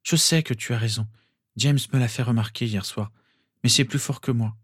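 A man voicing a caring young mother who pleads softly and apologizes. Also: mid-range voice, steady tone, normal speed, husky, dry recording, studio quality, close to an everyday voice. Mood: pleading. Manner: pleading, soft.

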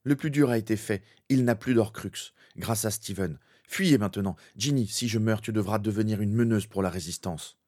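A man's voice: lowish voice, normal speed, hardly any pauses, darkish tone, natural voice. A man voicing a brave young wizard hero in a fan fiction reading, earnest and determined. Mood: resolute.

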